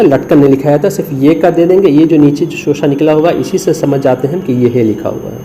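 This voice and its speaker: Speaking in a mellow, fairly high voice, a man from India leads a screen lesson on Urdu script. He spells out letters patiently, syllable by syllable, with English words mixed into his explanations, and the poor audio carries a little hiss or hum.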